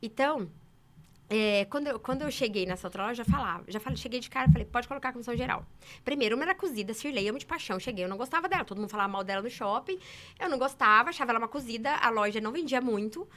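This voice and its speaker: A woman from Brazil telling sales stories in a casual interview, emphatic and animated. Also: fairly high pitch, a little hiss or hum. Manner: animated, emphatic, quick talker. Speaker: saleswoman guest.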